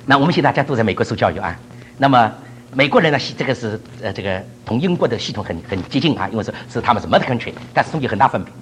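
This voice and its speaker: A man's voice: mid-range voice, lively intonation, racing, slight background noise. An older man from China preaching a sermon, laughing often and mixing English words into his talk.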